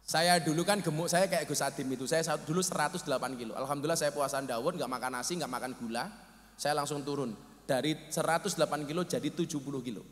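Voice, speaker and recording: A middle-aged man with a Javanese accent preaching a humorous sermon, telling stories with jokes and loud exclamations. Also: a little high, fast talker. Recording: long hall reverb.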